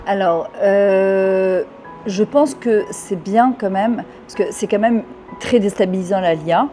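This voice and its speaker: Woman, about fifty, from France, interview guest, fervent and chatty, dark mellow voice, faint music behind. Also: medium pitch, slow. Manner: fervent, talkative, sprinkles Hebrew words. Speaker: interviewee, French immigrant. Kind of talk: casual interview talk.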